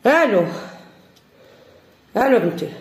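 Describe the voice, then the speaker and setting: A woman's voice: fairly high pitch, sing-song, slow pace, music in the background. Chatty Moroccan woman, echoey sound. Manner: chatty, calls listeners brothers and asks for their support. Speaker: vlogger. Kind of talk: casual phone and street chat.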